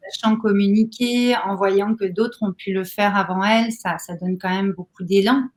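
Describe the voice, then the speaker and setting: Woman podcast host, asks questions thoughtfully, mid pitch. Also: steady tone, moderate pace. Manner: reflective, asks leading questions. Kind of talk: podcast interview.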